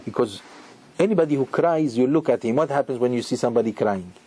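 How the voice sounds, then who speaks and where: A man giving a sermon as a rabbi, speaking with emphatic repetitions and halting restarts. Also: medium pitch, animated, mellow, breathy edge.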